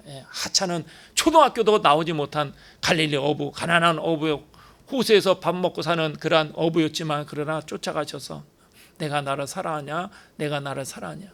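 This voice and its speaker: Male pastor, emphatic sermon delivery, rhetorical questions, slightly high voice. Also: a bit bright.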